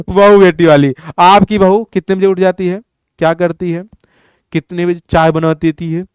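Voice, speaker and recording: A man's voice: high-pitched, flat delivery, measured pace, a little mellow, smooth, no room sound, studio quality. A male teacher explains a lesson in a casual, playful, teasing way and keeps asking his students questions. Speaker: Hindi teacher.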